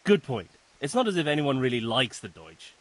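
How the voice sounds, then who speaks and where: An actor playing a scruffy, loyal young troublemaker in a video game, with a husky voice and a coarse, chummy manner. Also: male voice, medium pitch, big pitch swings, brisk. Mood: chummy, uneasy.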